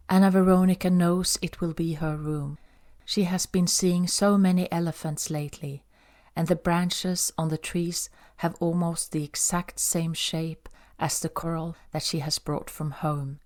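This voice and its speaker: Low-voiced woman reading an audiobook. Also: a little mellow. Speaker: audiobook narrator. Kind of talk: scripted audiobook narration.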